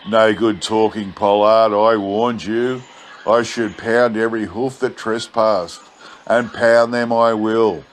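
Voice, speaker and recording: A man's voice: on the low side, fairly even intonation, takes it slowly. A man voicing a spiteful, gloating old station boss from a storybook yarn. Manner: gloating, bossy. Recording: clear background noise.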